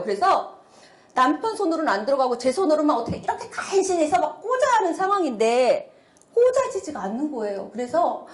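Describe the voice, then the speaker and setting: A middle-aged woman giving a testimony sermon to a congregation, animated, exclaiming and laughing often. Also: high voice, echoey room. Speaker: church speaker giving testimony.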